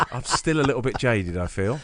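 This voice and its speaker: A man's voice: mid-range voice, background noise. A middle-aged man co-hosting a podcast in casual, rambling chat, laughing at himself and drifting off on digressions. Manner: rambling, self-mocking, laughs often. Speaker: podcast co-host.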